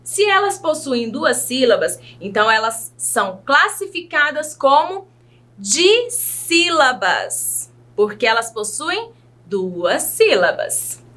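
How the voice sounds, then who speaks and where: A Brazilian woman teaching a children's video lesson, spelling out words slowly and patiently, asking her young learners questions as she goes. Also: high-pitched, a bit bright. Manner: slow, exaggerated enunciation of words.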